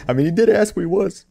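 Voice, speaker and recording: A man hosting a reaction video, giving casual commentary in an animated, slangy, ranting way. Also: high voice, vocal fry, husky.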